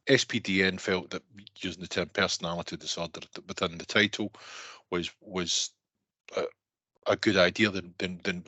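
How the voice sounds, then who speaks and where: A middle-aged man with a Scottish accent introducing an online workshop informally, halting and repeating words, on a video call. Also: low-pitched, sharp tone, dry recording. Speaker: programme lead hosting an online workshop. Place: indoor room, on a video call. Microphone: video call microphone.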